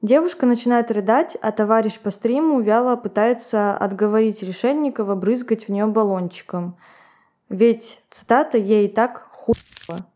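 Female podcast co-host, slightly high, mellow voice, storyteller. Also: normal speed. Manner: recounts events, laughs and comments.

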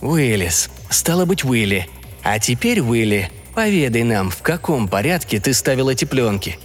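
A man's voice: medium pitch, big pitch swings, moderate pace, close to an everyday voice. A man voicing a scheming young filmmaker who talks in a coaxing, theatrical, commanding way. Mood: persuasive. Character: smooth-talking scheming young male filmmaker. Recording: long reverb, faint music behind.

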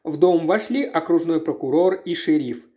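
An audiobook narrator reading a literary story in a measured, expressive way. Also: mid-range voice.

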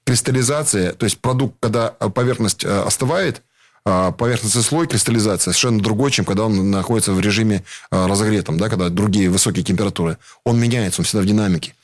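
Быстро говорящий мужчина с низковатым голосом. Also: male voice, fairly low pitch, fast, no echo, clean studio sound. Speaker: company chief executive, studio guest. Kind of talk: unscripted explanatory promotional talk.

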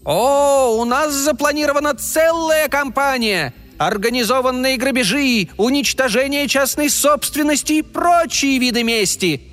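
A man's voice: very high voice, unhurried, hardly any pauses, a bit bright, soft background music, voice pushed up. A man voicing a proud, scornful male fairy who makes grand, contemptuous boasts. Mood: grandiose.

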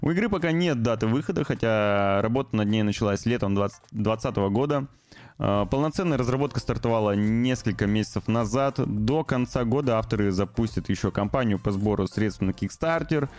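A man's voice: on the low side, a little fast, darkish tone. Casual male news host over faint music. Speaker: host of a gaming and film news show.

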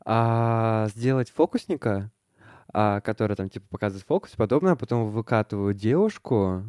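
A man who performs as a drag queen, chatting casually in halting phrases full of hesitation. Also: fairly low pitch, expressive, darkish tone, clear, resonant tone, dry recording, clean studio sound. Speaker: drag queen podcast guest. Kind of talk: casual chat.

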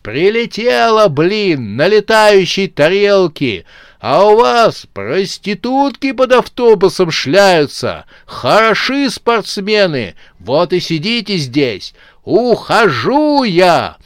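A man voicing a feisty, sharp-tongued young woman who scolds in indignant outbursts, in a storybook reading. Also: mid-range voice, big pitch swings, slow, dry recording, studio quality. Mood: furious.

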